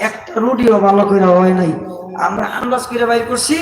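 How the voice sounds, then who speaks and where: A man's voice: very high-pitched, steady tone, brisk. A man voicing clever young brothers in a told story, pleading and explaining. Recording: echoey distant loudspeaker outdoors with noise.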